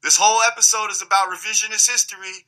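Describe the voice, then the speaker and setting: A man's voice: sits high, fairly even intonation, quick pace, bright, forceful tone, poor audio. A man speaking as an interview guest in casual, opinionated talk, blunt and mocking, swearing freely.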